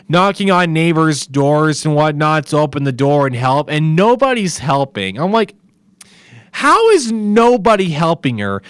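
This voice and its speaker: Male podcast host for a casual film recap. Lively and amused, with a slightly high pitch and sarcastic asides. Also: smooth, no room sound. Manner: animated, amused, laughs often, sarcastic asides.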